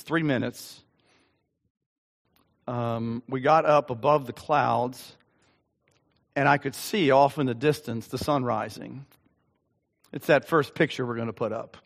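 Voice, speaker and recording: An older man, a pastor, preaching an earnest, conversational sermon and reading scripture with emphasis. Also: medium pitch. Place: church sanctuary. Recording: long reverb of a church hall.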